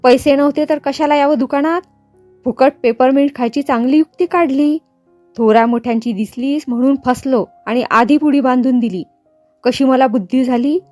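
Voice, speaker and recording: A woman's voice: high-pitched, moderate pace, a little mellow, no room sound, soft background music, natural voice. A woman voicing an irritable, miserly middle-aged male shopkeeper who blusters, scolds and fawns. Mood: indignant. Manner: blustering, scolding, then fawning.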